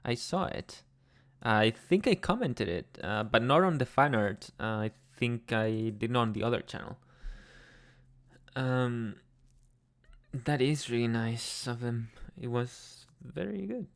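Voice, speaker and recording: Man, livestream host, casual rambling chat, reads comments aloud, gravelly, slow-paced. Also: mid-range voice, animated. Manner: chatty, laughs often, loose and rambling.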